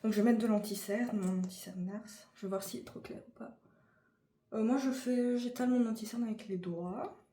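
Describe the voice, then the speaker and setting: A woman's voice: a little high, moderate pace, mellow. Chatty French woman in an echoey room. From France. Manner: chatty, informal, frequent fillers and restarts. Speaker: vlogger. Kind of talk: casual vlog chat. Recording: echoey room with faint noise.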